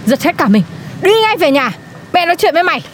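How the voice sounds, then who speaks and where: Woman doing a nagging middle-aged mom, high, swoops up and down, faint music. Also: big pitch swings, fast, a little hiss or hum. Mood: exasperated. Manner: nagging, exasperated scolding. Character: scolding middle-aged mother, nosy shopkeeper. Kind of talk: comedy sketch acting.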